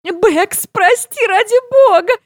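A shrill, excitable best friend, as a woman reader voices her shouts her apologies, pitched very high. She sounds guilty and overwrought in a novel reading. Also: measured pace, no room sound, clean studio sound.

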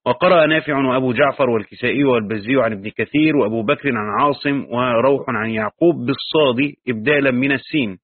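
A man reading aloud and explaining a Quran commentary in measured, pausing lessons, correcting himself and adding asides. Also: mid-range voice, slightly rough, no echo, narrow, tinny audio.

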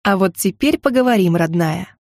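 A woman voicing a possessive male dragon lord who speaks low and huskily, smug and threatening. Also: animated, normal speed, darkish tone, no room sound, clean studio sound, natural voice. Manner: low, husky, smugly threatening.

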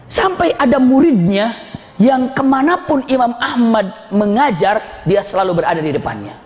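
A man, preaching a Ramadan talk with animated storytelling and jokes with the audience. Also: extremely high pitch, moderate pace. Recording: long hall reverb.

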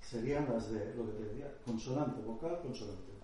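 A man's voice: medium pitch, fairly quick, warm tone. A man giving a conversational talk at a conference, explaining with examples and thinking aloud as he goes. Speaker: lecturer. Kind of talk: conference talk with audience questions. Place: lecture hall. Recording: echoey hall, distant mic, faint noise.

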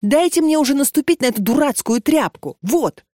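A woman's voice: high-pitched, lively intonation, a little fast, mellow, no room sound, studio quality, voice pushed up. A woman doing a frightened young student. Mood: pleading.

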